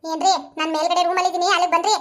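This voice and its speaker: A woman's voice: extremely high pitch, level tone, racing, a bit bright. Woman voicing a flustered young cartoon wife. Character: young wife torn between husband and mother. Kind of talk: animated comedy cartoon voice.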